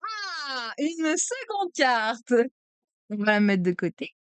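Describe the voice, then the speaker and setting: A woman streaming a card opening, chatty and excitable, exclaiming over each card. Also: sits high, slow pace, no room sound. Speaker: streamer opening trading cards. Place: at home desk.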